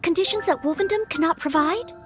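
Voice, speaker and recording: Noelle, a very high-pitched earnest young maid. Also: female voice, brisk, over music. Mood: pondering. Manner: polite, earnest, thoughtful. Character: earnest, polite young maid who aspires to knighthood. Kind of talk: video game character acting.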